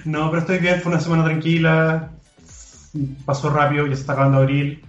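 A man's voice: fairly high pitch, level tone, fast. A man chats casually as a podcast co-host. The sound is echoey and a little dull, with faint music underneath. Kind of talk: casual chat. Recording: roomy echo, dull lo-fi audio.

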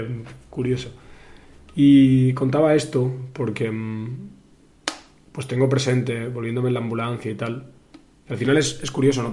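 Reflective young man, flat delivery. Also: medium pitch, slight background noise. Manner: thoughtful, many pauses and fillers, addresses the listener. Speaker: podcast host. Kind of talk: reflective personal monologue.

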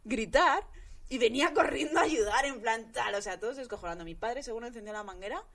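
A woman in her thirties with a Spanish accent from Spain, telling an animated story in casual chat and acting out the quoted voices. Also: a little high, brisk.

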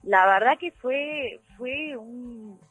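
An Argentine actress chatting as a guest on a radio interview, relaxed and talkative, sometimes trailing off. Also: female voice, fairly high pitch, drawn-out words, dull audio, faint music behind. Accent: Argentine Spanish. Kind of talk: interview over a call.

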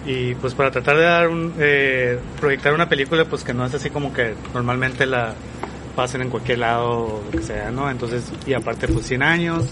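On a podcast panel, a man with a Mexican accent and a mid-range voice casually summarizes a film at normal speed, explaining things in a loose, wandering way. Noisy outdoor city sounds fill the background.

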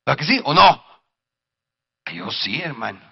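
A male pastor preaching a sermon, speaking directly to the congregation and rising to shouts at his peaks. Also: medium pitch, very animated, a little slow, vocal fry, husky, highs cut off.

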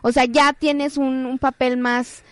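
A woman's voice: high-pitched, level tone, slow, clean tone, no room sound. A woman explaining stages step by step in a casual chat.

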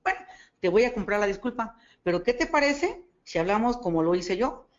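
A woman with a Mexican Spanish accent giving a motivational talk on network marketing, animated and acting out dialogue as she tells stories. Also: mid-range voice, brisk. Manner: animated storytelling, acts out dialogue, asks listeners for agreement. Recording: dull lo-fi recording.

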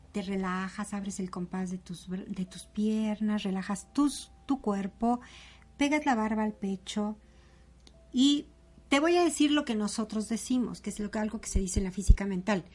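A woman, a yoga teacher calmly guiding a breathing exercise as a guest. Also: medium pitch. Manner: calm, instructive, gentle.

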